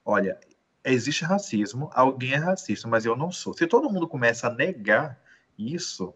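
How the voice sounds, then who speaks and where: A man giving a measured, explanatory talk in an educational conversation, often rephrasing himself. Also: mid-range voice, very animated, a bit bright. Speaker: guest lecturer.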